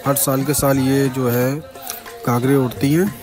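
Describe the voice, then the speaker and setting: A man's voice: mid-range voice, level tone, a little slow, music in the background. A young man from India with a Farrukhabad Hindi accent, chatting casually as a vlogger while he walks viewers through a crowded shrine courtyard at night. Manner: chatty, points things out to viewers. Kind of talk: casual walking tour vlog. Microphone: handheld phone camera.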